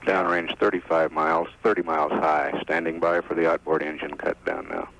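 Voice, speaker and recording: A man's voice: extremely low pitch, flat delivery, fairly quick, a bit bright. A man giving factual, formal technical flight commentary from mission control, reading out figures. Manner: factual, formal number readouts. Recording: noisy archival radio broadcast.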